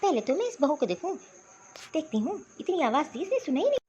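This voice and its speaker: A woman's voice: high voice, sing-song, fast talker, darkish tone, muffled recording. Woman voicing a bossy scolding mother-in-law. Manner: scolding, taunting. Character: bossy middle-aged mother-in-law, scolding, proud of her son.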